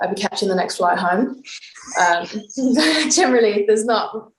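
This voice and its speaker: A woman's voice: medium pitch, expressive, measured pace, echoey room, poor audio. A young woman with an East Midlands English accent chatting over a video call, laughing often with many ums. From England, East Midlands. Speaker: footballer, guest. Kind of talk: casual chat on a video call.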